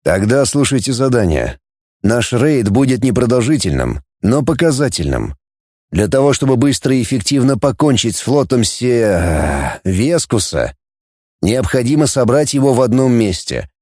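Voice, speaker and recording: A man's voice: medium pitch, big pitch swings, moderate pace, a little mellow, no room sound, clean studio sound. A man voicing a scheming fleet commander. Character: male supreme coordinator, scheming and commanding.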